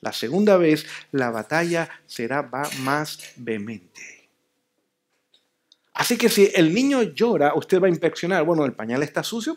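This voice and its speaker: High-voiced pastor preaching emphatically. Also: male voice. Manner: emphatic, repeats key phrases, drops to soft low endings. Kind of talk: sermon at a family seminar. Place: church.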